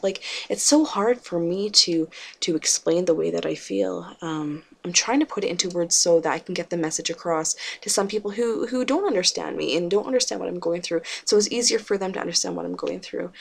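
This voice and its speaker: A woman speaks to her camera in a low, downcast confessional vlog, pausing often and restarting her sentences. Her voice sits at an ordinary middle pitch with a noticeable gravelly fry, and a faint hiss lies underneath. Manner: halting, many fillers and restarts, subdued. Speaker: vlogger.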